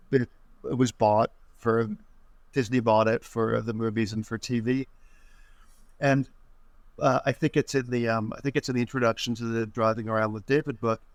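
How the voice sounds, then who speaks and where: A man's voice: mid-range voice, dry recording. A man as the author guest in a casual interview chat, rambling and self-deprecating, often restarting his sentences.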